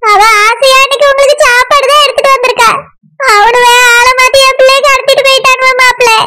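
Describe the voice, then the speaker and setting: Woman doing a shrill pleading village mother. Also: level tone, fast talker, sharp tone. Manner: begs and repeats terms of respect. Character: pleading mother of the daughter-in-law, older woman. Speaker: mother begging her in-laws.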